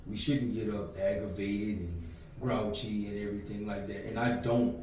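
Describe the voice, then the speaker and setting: A man's voice: fairly low pitch, moderate pace. Reflective man in his fifties, echoey room. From Louisiana. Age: 50s. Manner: calm, reflective, many "you know"s. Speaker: guest. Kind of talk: casual interview. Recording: echoey room, distant mic, faint noise.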